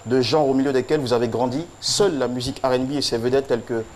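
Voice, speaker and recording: A man's voice: medium pitch, fairly even intonation, quick pace, darkish tone, slight background noise. A man delivering a tribute speech on a TV show, solemn and rhythmic, leaning on repeated phrases. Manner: solemn, rhythmic, with emphatic repetition. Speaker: tribute presenter.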